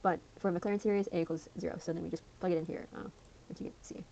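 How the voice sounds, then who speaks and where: A woman's voice: lowish voice, steady tone, racing, gravelly, mellow, dull audio, a little hiss or hum. A young woman casually explaining a math lesson, rambling with lots of fillers and slang. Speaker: student tutor.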